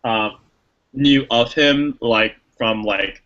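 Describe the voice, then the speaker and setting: A man's voice: mid-range voice, slow, a bit bright, dull audio. A man co-hosting a podcast, chatting casually and enthusiastically about a movie, rambling with lots of fillers. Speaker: podcast co-host. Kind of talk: casual movie review chat.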